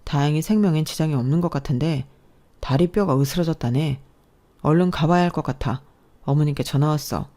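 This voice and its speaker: A woman's voice: sits low, a little fast, dark tone, lightly acted. A woman voicing a blunt, direct husband in a storybook narration. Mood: urgent.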